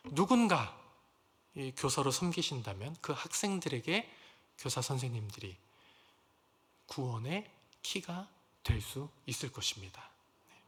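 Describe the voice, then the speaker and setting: A man's voice: mid-range voice, fairly bright tone, husky. A middle-aged man preaching a sermon as pastor, telling stories earnestly and sometimes acting out quoted lines. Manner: storytelling, earnest, acts out quoted lines with rising emotion. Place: large church sanctuary. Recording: long reverb of a church hall.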